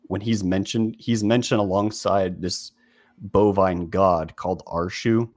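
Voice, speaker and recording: A man's voice: deep voice, steady tone, a little slow, darkish tone, dry recording, clean studio sound. A man hosting a video essay in casual commentary, talking informally with lots of fillers and restarts.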